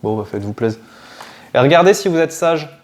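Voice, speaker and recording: Excitable French man opening cards. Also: a little high, a little fast. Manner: excitable, swears, shouts when thrilled. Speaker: card-opening youtuber. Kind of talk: casual unboxing chat.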